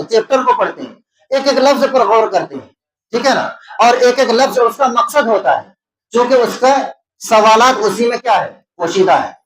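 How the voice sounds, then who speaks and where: High-voiced Indian Urdu teacher, echoey. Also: male voice. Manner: asks questions and answers them himself; repeats key terms and explains them. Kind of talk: exam-prep lecture. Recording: echoey room.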